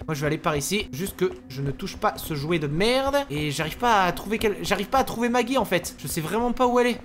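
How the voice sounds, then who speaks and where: A man's voice: sits high, a bit bright. A man giving casual let's-play commentary as a gaming YouTuber. He talks to his viewers, swears casually, and shrieks and giggles when startled.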